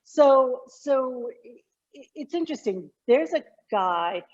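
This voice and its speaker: A woman's voice: high-pitched, expressive, slow pace, a little mellow, muffled recording. A woman communication coach explaining points as a podcast guest, in an emphatic, teacherly way.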